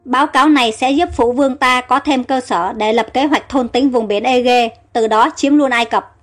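Storybook prince, scheming and proud, read by a woman, high voice. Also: normal speed, faint music behind, natural voice. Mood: commanding. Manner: mocking, self-assured.

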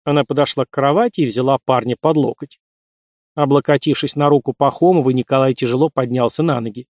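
A man narrating an audiobook in an even, clear reading. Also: mid-range voice, quick pace, no echo, clean studio sound.

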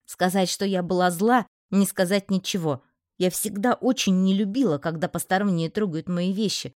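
A woman narrating a first-person fantasy audiobook in a steady, expressive storytelling manner. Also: mid-range voice, dry recording, studio quality.

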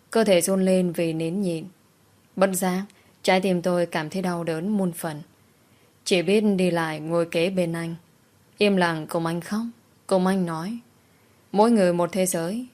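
Woman reading a sad story out loud, first person, lowish voice, heavy emotional tone. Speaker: audiobook narrator. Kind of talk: first-person audiobook narration.

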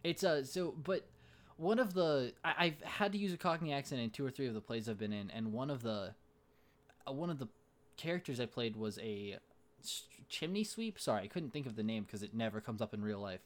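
A man's voice: medium pitch, expressive, a little fast. A man co-hosting a casual podcast. He talks hesitantly, with many fillers and restarts. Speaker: podcast co-host.

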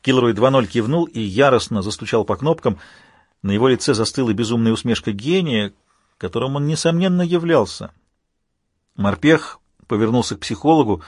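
Husky male audiobook narrator. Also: mid-range voice, expressive, normal speed, a little mellow, no echo, clean studio sound. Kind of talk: scripted narration.

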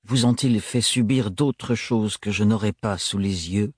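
A man's voice: on the low side, a little slow, breathy edge, no room sound, studio quality. Man doing a cold, curt administrator. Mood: stern. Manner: monotone, curt. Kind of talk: audiobook reading.

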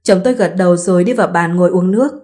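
A woman narrating a first-person story in a steady storytelling manner. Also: on the low side, very fast.

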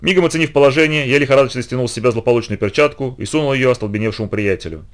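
A man narrating a story in the first person with an expressive, lively delivery. He reads at a brisk clip in a mid-range voice. It has the feel of a literary reading. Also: medium pitch.

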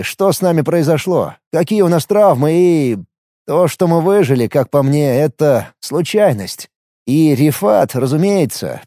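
A man's voice: fairly high pitch, mellow, dry recording, clean studio sound, pitched above the performer's own voice. A man voicing a blunt grim army surgeon. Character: frank, grim male military surgeon.

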